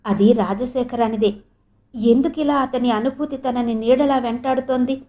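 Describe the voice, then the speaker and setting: A woman narrating a novel as an audiobook in a measured, expressive storytelling manner. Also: fairly high pitch. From India.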